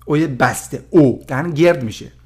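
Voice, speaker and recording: A man giving a casual language lesson, explaining pronunciation slowly and repeating each sound aloud. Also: on the high side, breathy edge. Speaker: French teacher.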